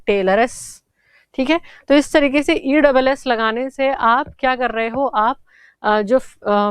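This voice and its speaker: Clear-voiced woman teaching step by step. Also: high-pitched, no room sound. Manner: explains step by step, asks and answers her own questions. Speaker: English teacher. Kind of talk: online exam-prep grammar lesson.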